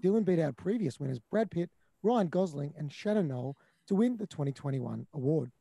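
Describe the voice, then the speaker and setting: A male text-to-speech robot voice from a screen reader, reading a news bulletin in even, mechanical computer diction. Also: a little high, fairly quick, gravelly, no echo. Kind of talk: synthetic news bulletin read-out.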